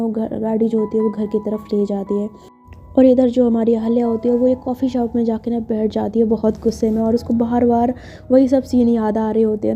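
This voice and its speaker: A woman narrates a story in a loose, chatty way, full of fillers. Her voice is fairly high yet dark and mellow. The recording sounds muffled and lo-fi, with faint music underneath.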